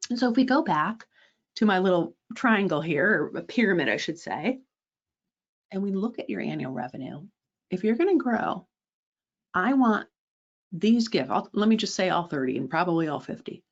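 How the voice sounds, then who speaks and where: A woman's voice: on the low side, animated, moderate pace, dull audio. A woman presenting a fundraising webinar, direct and emphatic, often checking in with a rhetorical "right?" and adding sarcastic asides.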